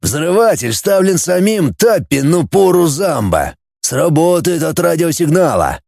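A man voicing a blunt, practical male engineer who reports briskly. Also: a little high, very animated, gravelly, darkish tone, no echo, studio quality, voice pushed up, heavily acted.

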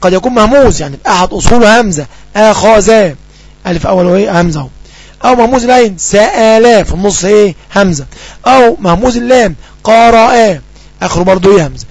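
A man with an Egyptian accent teaching Arabic grammar. He asks quick questions and answers them himself, and slows down to read out the example sentences. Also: high voice, lively intonation, no room sound. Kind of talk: grammar lesson.

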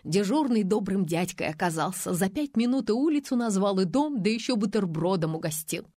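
A woman narrating a first-person audiobook, steady and measured, at a middle pitch. The voice is close to the mic, and the recording is dry. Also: dry recording.

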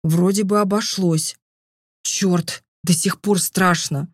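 A woman narrating a first-person fantasy audiobook with an expressive, dramatic reading. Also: lowish voice, slow pace, slightly rough, no room sound, clean studio sound.

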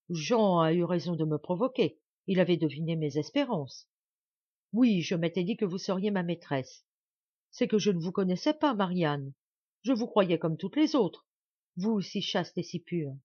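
A woman's voice: lowish voice, big pitch swings, normal speed, mellow, husky, no room sound, highs cut off. A woman voicing a passionate young marquis. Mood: ardent. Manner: ardent, rising exclamations. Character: young nobleman, impulsive and passionate.

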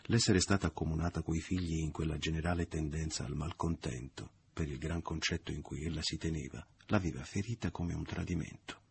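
A man narrating a classic novel as an audiobook, in a measured, subdued and expressive reading. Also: rumbling low, creaky, slightly rough.

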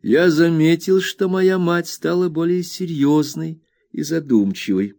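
A man narrating an audiobook in an expressive storytelling manner. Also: on the high side, unhurried. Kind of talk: scripted narration.

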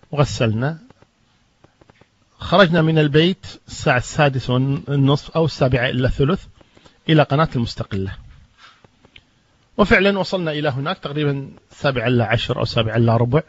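A man's voice: mid-range voice, slightly rough, no echo. A man, an Islamic preacher from Kuwait, recounting an anecdote and acting out the dialogue with rising emphasis. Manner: recounts events plainly, acts out quoted dialogue with rising emphasis. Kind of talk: storytelling anecdote in a talk. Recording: dull lo-fi recording.

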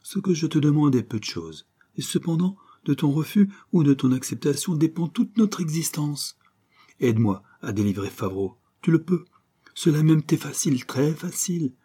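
A man's voice: a little high, big pitch swings, normal speed, mellow, slightly rough, voice pushed up. A man voicing a coaxing scheming adventuress. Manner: coaxing, persuasive. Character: scheming seductive female adventuress. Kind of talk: audiobook reading.

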